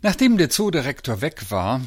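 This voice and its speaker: A man narrating a children's story in a lively, expressive way. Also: medium pitch, normal speed.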